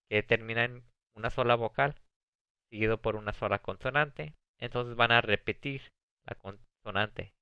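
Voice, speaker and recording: A man teaching an ESL video lesson, reading English example sentences slowly and explaining them in Spanish. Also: mid-range voice, pushed and bright, clear, resonant tone, dry recording. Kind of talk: recorded video lesson on comparative adjectives. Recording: dull, dry lo-fi sound.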